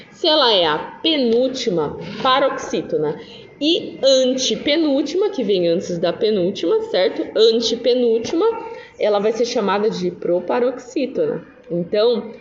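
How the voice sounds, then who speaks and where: A woman's voice: on the high side, a little hiss or hum. Brazilian woman teacher, patient, checking in often, roomy echo, dull sound. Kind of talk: remote Portuguese lesson explaining exercises. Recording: dull roomy recording with faint ambience.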